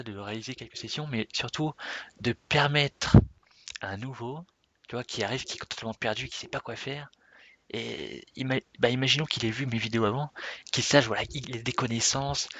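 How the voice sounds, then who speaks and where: A man's voice: mid-range voice, creaky, pushed and bright, no echo. A man giving an unscripted, rambling introduction to himself and his gaming server, often correcting himself and laughing at himself. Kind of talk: unscripted casual vlog talk.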